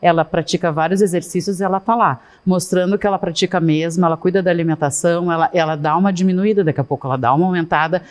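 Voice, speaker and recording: Middle aged woman, guest on a chat show, lively and goes on with lots of asides. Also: fairly low pitch, fast, hardly any pauses. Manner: animated, talks at length with many asides. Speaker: guest, fashion consultant. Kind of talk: casual interview chat.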